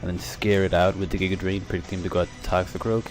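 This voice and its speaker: Low-voiced teenage guy rambling over gameplay. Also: flat delivery, faint music behind. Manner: rambling, self-correcting, quick asides. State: out of breath. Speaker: gaming YouTuber. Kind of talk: casual game commentary.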